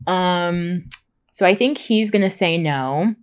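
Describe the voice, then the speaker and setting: Chatty lady podcaster, kinda low voice, says her r's a bit like w's, rambly casual recap style. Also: slow pace, smooth. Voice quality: soft R's, pronounced close to W. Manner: rambling, gushing informal talk with frequent "like" and "super". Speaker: podcast host.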